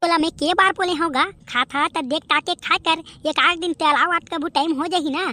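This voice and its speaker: A woman's voice: very high voice, moderate pace, pushed and bright. A woman with a Chhattisgarhi accent performing bantering, squabbling comic cartoon dialogue. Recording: noisy home recording.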